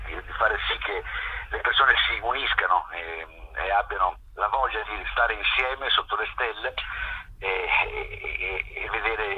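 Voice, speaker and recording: Over a harsh, lo-fi telephone line, a man with a low, husky voice speaks as a guest on a radio interview. He is a festival curator and film producer, and his unscripted explanations come with hesitations and repeated words.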